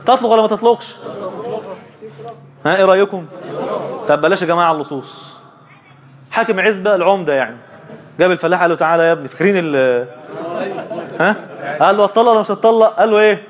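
A high, expressive male voice with an Egyptian Arabic accent leads a religious lesson over crowd noise. He asks his audience questions, supplies the answers himself, and slowly stretches important words to stress them.

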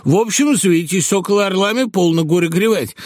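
Brief: man doing a jittery old man in an audiobook, high wailing voice, dry close sound. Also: fast talker, dry recording, natural voice. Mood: fussy. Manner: wailing, fussy, exclaiming. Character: frightened, tearful old male monarchist. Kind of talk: audiobook character voice.

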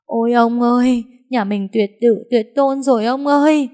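A woman voicing a sobbing, distraught older mother-in-law who laments loudly in a storytelling narration. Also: medium pitch, lively intonation, normal speed, voice pushed up, close to an everyday voice. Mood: wailing. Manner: wailing, lamenting.

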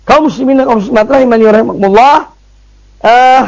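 Male preacher, very high voice, emphatic and repetitive lecture delivery. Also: quick pace, a little mellow, low-quality recording. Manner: emphatic, repeats phrases with frequent "ya" fillers. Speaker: Islamic preacher. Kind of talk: religious study lecture.

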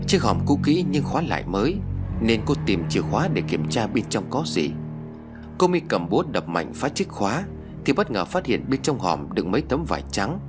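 A man narrating a ghost story audiobook in a lively storytelling voice. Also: fairly low pitch.

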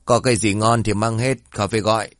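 A man voicing a drunk, violent middle-aged father who shouts crude demands and threats. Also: fairly low pitch, fairly even intonation, fast talker, dry recording, studio quality, close to an everyday voice. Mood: gruff boastful.

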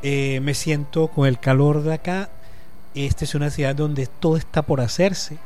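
Soft music plays behind this relaxed radio interview, where a man in his fifties, a journalist and lecturer with a Colombian Caribbean coast accent, talks as a guest. His slightly high pitch carries long, thoughtful explanations punctuated by frequent pauses and little fillers.

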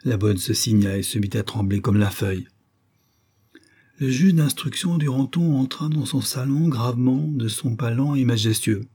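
Dark, husky male audiobook narrator. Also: medium pitch. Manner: measured, theatrical reading. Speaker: audiobook reader. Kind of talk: scripted narration of a novel.

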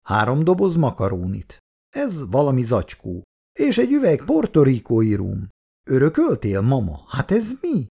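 This is a wry older husband from a storybook, grumbling and dryly funny, voiced by a man reading aloud. The voice stays near the reader's own pitch, dark and gravelly, and still moves around a lot in pitch. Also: huge pitch swings, heavily acted. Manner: grumbling, dry humor.

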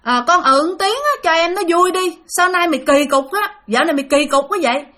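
A woman's voice: a little high, animated, fairly quick, fairly bright tone. A woman voicing a worried older aunt who scolds and pleads with her daughter. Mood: coaxing. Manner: exasperated and pleading.

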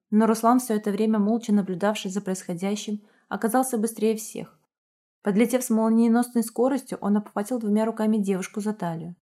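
A woman reading a romance novel aloud in a steady narrating voice. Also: mid-range voice. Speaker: audiobook narrator.

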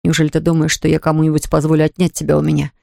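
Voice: medium pitch, monotone, very fast, creaky, a little mellow, no echo, clean studio sound, pitched below the performer's own voice. A reader voicing an ardent young man who earnestly begs his sweetheart. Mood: imploring. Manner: earnest, imploring.

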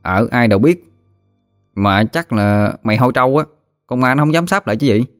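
A man's voice: mid-range voice, animated, a little fast, soft background music, voice pushed up, lightly acted. A man voicing a chubby, joking village boy, offhand and lazy.

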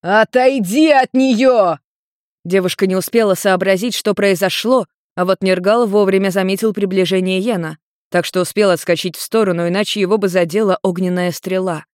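An audiobook narrator reading a fantasy story in an even, measured way. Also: medium pitch, no echo, clean studio sound. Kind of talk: scripted narration.

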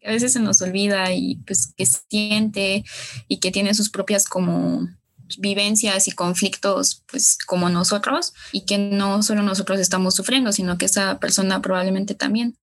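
A young woman reflects in a measured, casual way. Her voice sits at a middle pitch and sounds plain and natural. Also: flat delivery. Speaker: interviewee.

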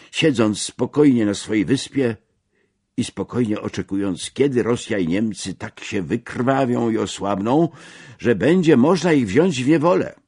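Man playing a zealous delegate, emphatic oratory, husky, unhurried, dry sound. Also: medium pitch, a little mellow, no room sound, voice pushed up. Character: zealous male workers' delegate giving a speech.

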